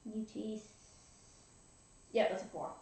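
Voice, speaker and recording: A woman's voice: mid-range voice, level tone, slow pace, dark tone. A woman playing a tabletop role-playing game, talking in a casual, wry way. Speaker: player. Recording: very echoey, far from mic.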